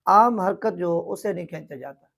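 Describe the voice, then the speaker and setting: A man teaching Quran recitation, explaining pronunciation rules and then reciting verses slowly and drawn out. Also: sits high, gravelly, a bit bright.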